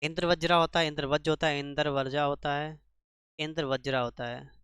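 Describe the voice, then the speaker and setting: A man's voice: fairly high pitch, level tone, a little fast, fairly bright tone, clear, resonant tone, no echo, studio quality. A man teaching a spelling lesson for exam preparation, quizzing the class with rhetorical questions and repeating each answer. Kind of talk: exam-prep grammar lesson.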